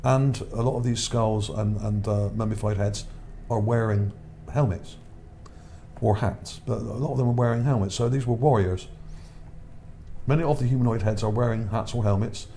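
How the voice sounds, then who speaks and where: A man with a fairly low, warm voice speaks at normal speed, though his voice is starting to wear out. As channel host, he casually reads his article over images, rambling, repeating words and checking in with "okay?", amid slight background noise.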